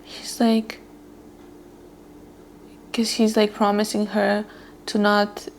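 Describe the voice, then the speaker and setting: A woman's voice: medium pitch, monotone, slow, a little hiss or hum. A young woman chatting casually on camera as she reads a romance novel, retelling the characters' lines in a chatty way and laughing often. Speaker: book vlogger. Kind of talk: casual read-along commentary.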